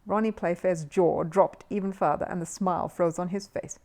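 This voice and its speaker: A woman reads a children's book aloud as an expressive storyteller. Her voice sits on the low side, and she keeps a moderate pace.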